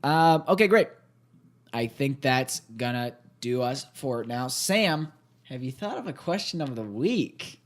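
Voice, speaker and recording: Lively joking male podcast co-host. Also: medium pitch, measured pace. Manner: playful, laughing banter. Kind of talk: casual chat.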